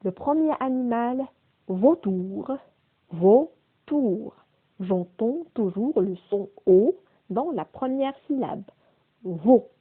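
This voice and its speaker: A woman teaching a primary school phonics lesson, slowly repeating and stressing each word's sounds. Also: fairly high pitch, lively intonation. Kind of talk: slow, deliberate remote phonics lesson. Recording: phone-quality, narrow-band audio.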